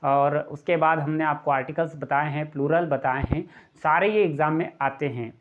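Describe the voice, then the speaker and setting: A man teaching an English grammar lesson, repeating key words and spelling out letters slowly. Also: on the high side. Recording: dull lo-fi recording.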